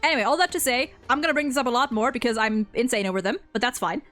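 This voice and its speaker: With music in the background, a young game streamer and discussion host races through an excited, informal fan discussion of a game's plot. Her voice sits on the high side and sounds fairly bright, and "like" pops up throughout.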